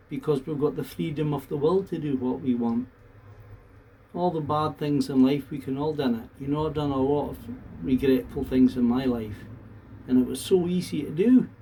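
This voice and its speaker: A man from the talks to viewers in a casual, unhurried, plain-spoken and earnest monologue. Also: on the high side, dark tone. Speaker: vlogger. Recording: distant mic, faint background noise.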